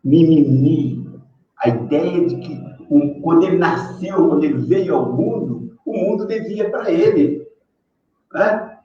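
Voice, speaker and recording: Older guy rambling on a live stream, keeps tagging né, sounds far off in an echoey room, dull muffled audio. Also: fairly high pitch. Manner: rambling, frequent "né?" tags and filler "é". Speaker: professor guest on a live stream. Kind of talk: casual opinion talk. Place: room on a live video call. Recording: distant, echoey, dull lo-fi sound with faint noise.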